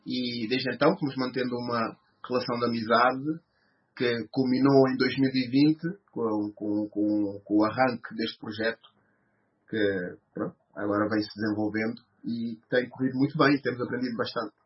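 A man's voice: medium pitch, level tone, moderate pace. Hesitant Portuguese man, muffled recording. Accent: European Portuguese. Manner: hesitant, many fillers and restarts. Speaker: guest, podcast host. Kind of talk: interview answers.

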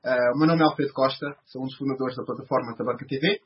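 A man's voice: mid-range voice, fairly even intonation, fast. Hesitant Portuguese man, muffled recording. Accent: European Portuguese. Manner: hesitant, many fillers and restarts. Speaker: guest, podcast host. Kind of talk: interview answers.

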